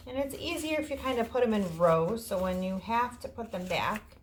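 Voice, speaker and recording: During an informal lesson and story time in an indoor room, a woman explains things simply to young children in casual language. She has a mid-range voice, lively intonation, and a normal speaking speed. The room echoes, and faint noise sits underneath.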